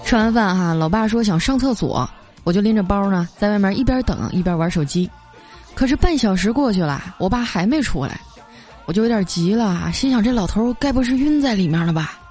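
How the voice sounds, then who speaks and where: A woman's voice: mid-range voice, fairly quick, soft background music. Chatty woman host telling funny stories. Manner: chatty, lively, sprinkles filler particles. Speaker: host of a comedy story segment. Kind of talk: comedic storytelling, radio-style.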